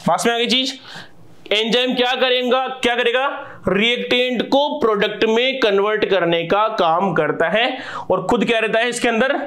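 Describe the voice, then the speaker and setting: Indian male teacher, lighter high voice, rhetorical question-and-answer lecturing. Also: normal speed, a bit bright. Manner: asks questions and answers them himself, calls listeners sahab. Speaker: chemistry teacher. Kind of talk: live class lecture.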